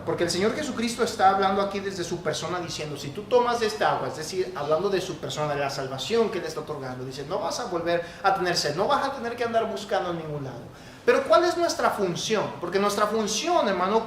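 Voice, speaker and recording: A man with a Mexican accent delivers an impassioned sermon, rising to loud exhortation and then dropping to quiet asides. He keeps calling out to his listeners as brother. His voice rings through a roomy, echoing church with a faint hiss of noise behind it. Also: sits high. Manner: impassioned preaching, swings from loud to hushed, often addresses listeners as brother. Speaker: pastor.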